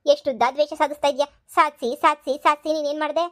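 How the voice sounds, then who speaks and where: A woman plays a sharp-tongued cartoon mother-in-law who scolds and taunts her rivals. Her voice is high and she talks quickly in a scolding rush. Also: fairly even intonation, close to an everyday voice. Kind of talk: cartoon comedy voice acting.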